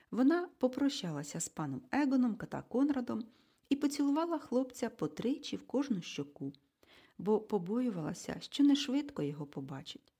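A woman narrating an audiobook of a children's novel in an expressive storytelling manner. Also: on the high side, breathy edge.

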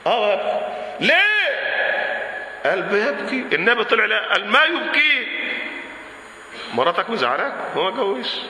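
A man preaching with an Egyptian Arabic accent, his voice high, bright and piercing. He questions the congregation and acts out little dialogues. The sound carries a long hall reverb. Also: lively intonation, very fast. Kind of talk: colloquial sermon with Quran recitation. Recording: echoey hall recording with faint noise.

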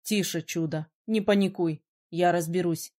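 A woman voicing a brooding, sharp-tongued young male mage in an audiobook, teasing and gruff by turns. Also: mid-range voice, steady tone, moderate pace, close to an everyday voice. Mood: soft tender. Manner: teasing, then gruff and commanding. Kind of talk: audiobook character reading.

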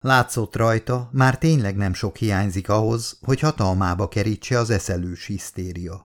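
A man reading an audiobook in a measured, dramatic way. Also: fairly low pitch. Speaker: audiobook narrator. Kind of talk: scripted narration.

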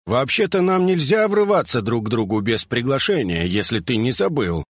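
A man's voice: medium pitch, big pitch swings, moderate pace, breathy edge, no room sound, clean studio sound. A man voicing a cheerful, naive young male mutant, upbeat and friendly. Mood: teasing.

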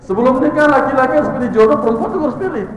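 A man's voice: very high-pitched, animated, racing. A man teaching a religious class for teenagers, quizzing the audience and repeating their answers back to them. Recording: echoey hall.

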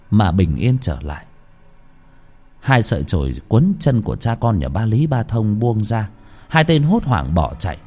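A man narrating a horror story in a dramatic, expressive way. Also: fairly low pitch, breathy edge.

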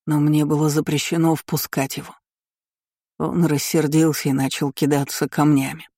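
A man voicing a meek hushed stable hand. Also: on the high side, flat delivery, normal speed, no room sound, studio quality. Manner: soft, rustling, barely audible. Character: injured young stable hand, meek and quiet.

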